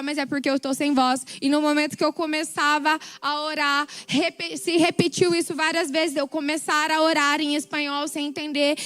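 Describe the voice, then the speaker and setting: A woman with a high, slightly worn and hoarse voice preaches a passionate sermon testimony in a Brazilian Portuguese accent. She leans heavily on emphatic repetition.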